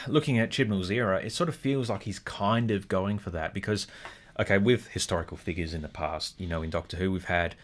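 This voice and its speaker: An Australian man with a somewhat low voice chats through a casual review. He rambles and hedges as he talks. He laughs easily. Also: a little fast. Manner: chatty, hedging, laughs often. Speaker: podcast co-host.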